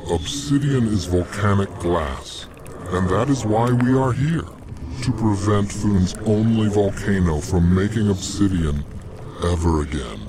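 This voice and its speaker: Man acting a deep-voiced, cold dark lord. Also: lightly acted. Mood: measured, ominous. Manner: measured, cold, pompous. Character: cold, calculating male Dark Lord wizard, menacing villain. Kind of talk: fantasy audio comedy acting. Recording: clear background noise under the voice.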